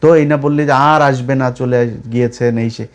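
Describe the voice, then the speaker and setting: A man's voice: mid-range voice, fairly even intonation, quick pace. Scolding male commentator. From Bangladesh. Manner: scolding and mocking, addresses opponents directly. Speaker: political commentator. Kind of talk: live political commentary monologue.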